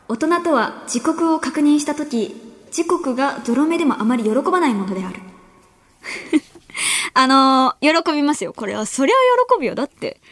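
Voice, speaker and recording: Giggly, lively teenage girl radio host. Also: high voice, dry recording. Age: late teens. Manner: giggly, laughs often between remarks; chatty, playful, talks to listeners directly. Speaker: late-night radio host. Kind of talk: casual radio chat reading listener mail. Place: radio studio. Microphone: studio microphone.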